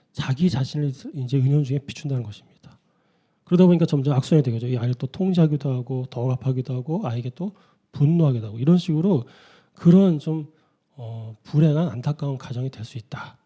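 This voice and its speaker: A man's voice: a little high, warm tone, highs cut off. A man preaching an early-morning sermon in a conversational way, often putting rhetorical questions to his listeners. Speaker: pastor.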